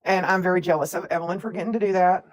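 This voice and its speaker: A woman's voice: fairly low pitch, steady tone, very fast. A woman, chatting casually as a livestream co-host and reading out where viewers are from. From Tennessee, USA. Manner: chatty, reads out viewer comments.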